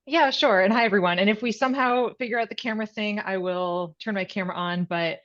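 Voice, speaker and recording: A woman's voice: mid-range voice, fast talker. Upbeat woman presenting over a lo-fi video call. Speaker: product director presenting a webinar. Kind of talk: casual presentation. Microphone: video call mic. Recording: dull lo-fi video call audio.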